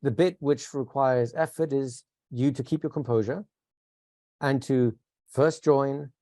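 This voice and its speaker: A man leads a workshop in a relaxed, conversational way, often checking in with his students with questions. He has a mid-range voice and sometimes drops into a slow, calm, soothing tone to show how it is done. The sound is dry and close, with no room echo. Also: medium pitch. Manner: conversational, asks the class questions, models calm soothing speech. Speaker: instructor. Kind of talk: teaching a live workshop.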